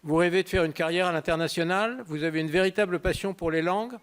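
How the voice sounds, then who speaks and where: A man with a fairly high voice reading a formal introduction of a guest. He speaks in a measured way, clearing his throat now and then. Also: fairly bright tone. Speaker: institute president introducing the guest.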